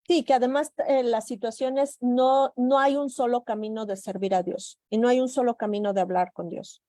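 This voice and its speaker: A woman with a fairly high voice hosts a thoughtful conversation, agreeing and adding her own points. Her voice is recorded dry and close, with no room sound. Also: fairly even intonation, normal speed, mellow, dry recording. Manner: engaged, affirming, adds to points. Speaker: host. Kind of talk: conversational discussion.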